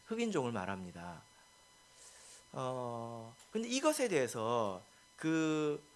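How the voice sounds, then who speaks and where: Lively-voiced man preaching a sermon. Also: medium pitch. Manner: asks the congregation rhetorical questions; swings between soft asides and loud emphatic lines. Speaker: pastor.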